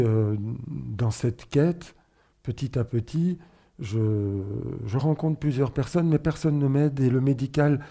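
A middle-aged man from northern Spain, a guest in an interview, speaking reflectively and haltingly with fillers and restarts. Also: medium pitch, dark tone. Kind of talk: personal testimony interview.

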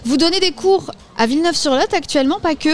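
High-pitched lady radio host, chatty with lots of ums, bit of room noise. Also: fast talker. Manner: chatty, friendly, lots of fillers. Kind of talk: live radio interview. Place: community hall.

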